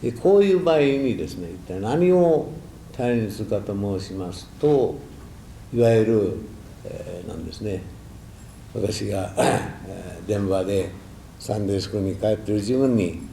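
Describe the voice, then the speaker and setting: An older man giving a reflective, halting temple talk drawn from his own memories, with folksy asides. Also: fairly low pitch, expressive, creaky, mellow. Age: 60s or older. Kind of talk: sermon with personal war recollections. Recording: echoey room, faint background noise.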